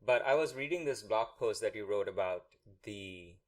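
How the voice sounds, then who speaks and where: A man hosting a podcast in a casual way, working around his questions at length before getting to the point. His voice sits somewhat low. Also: lively intonation, normal speed. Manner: rambling questions with fillers like "like" and "you know". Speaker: podcast host. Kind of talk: conversational interviewing.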